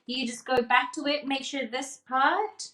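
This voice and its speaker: Brief: higher-pitched woman, cake decorating instructor, chatty live demo with frequent "okay?" checks, echoey kitchen. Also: fairly even intonation, a little slow, bright, forceful tone. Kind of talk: live demonstration, casual teaching. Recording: echoey room.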